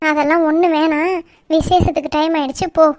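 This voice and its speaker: A woman voicing a scheming, bossy middle-aged village aunt in a cartoon, scolding sharply and turning shrill when frightened. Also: steady tone, brisk, a little mellow, no echo, natural voice. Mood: defensive. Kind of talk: cartoon voice acting.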